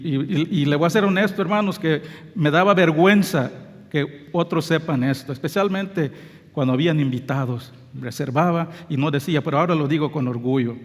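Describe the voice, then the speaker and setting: A man with a Belizean Spanish accent, English being his first language, preaches a sermon as pastor. His voice sits fairly high and turns earnest and emphatic at its peaks. The sound carries a long reverb of a church sanctuary.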